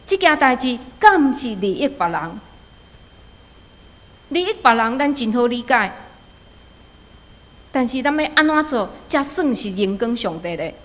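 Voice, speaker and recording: A woman preacher with a Taiwanese accent delivers a sermon in a fairly high voice. She moves between storytelling and exhortation, often posing rhetorical questions. Her words ring out with the long reverberation of a hall.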